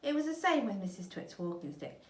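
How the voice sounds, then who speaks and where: A woman teacher reading a storybook aloud to children, expressive and speaking straight to them. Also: medium pitch, a little fast. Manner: expressive, addresses young listeners. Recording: echoey room, mic at a distance.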